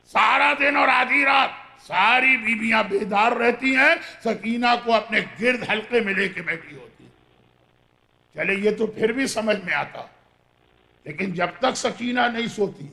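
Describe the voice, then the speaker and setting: High, gravelly man preaching a mourning sermon. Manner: impassioned, declamatory storytelling with frequent shouted rises. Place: Islamic center gathering hall.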